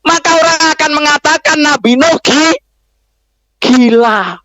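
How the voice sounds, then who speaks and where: A man's voice: extremely high pitch, unhurried, bright, forceful tone, no room sound, poor audio. A man preaching a sermon to students, telling a story and firing rhetorical questions at the crowd. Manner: keeps asking the audience rhetorical questions. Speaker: preacher addressing Islamic boarding school students.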